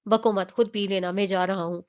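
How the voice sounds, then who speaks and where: A woman reading the lines of a teasing, quick-tempered young male friend in a romance audiobook. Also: medium pitch, fairly even intonation, smooth, natural voice. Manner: teasing, then sharp.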